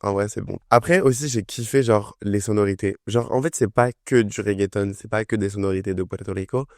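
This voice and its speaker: A man's voice: on the low side, fairly quick, darkish tone, no room sound, studio quality. A young man casually reviewing an album, enthusiastic and chatty, with lots of fillers. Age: young adult. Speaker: music review vlogger. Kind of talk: casual chat.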